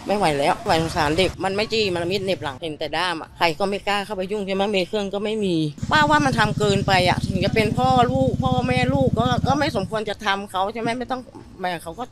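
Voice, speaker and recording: A middle-aged woman speaks as an eyewitness in a news interview, her telling quick and agitated. Her voice sits at a middling pitch, with faint outdoor noise behind her. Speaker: eyewitness neighbor.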